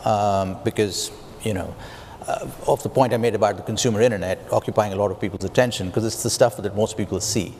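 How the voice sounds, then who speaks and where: A man on a conference panel giving a thoughtful, halting answer. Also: fairly low pitch, steady tone, darkish tone, slight background noise. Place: large conference hall. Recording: reverberant hall with faint ambience.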